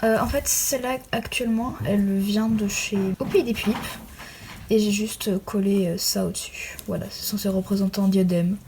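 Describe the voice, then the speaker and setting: A woman's voice: medium pitch, fairly even intonation, normal speed, a little mellow. A young woman, chatting casually and self-deprecatingly as she shows her handmade crafts. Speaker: hobbyist crafter showing handmade doll accessories. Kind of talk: casual chatty show-and-tell. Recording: noisy home recording with clicks.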